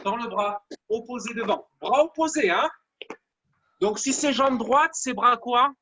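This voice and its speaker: Energetic male fitness coach counting reps. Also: very high-pitched, a little slow, a little hiss or hum. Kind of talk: live online workout class.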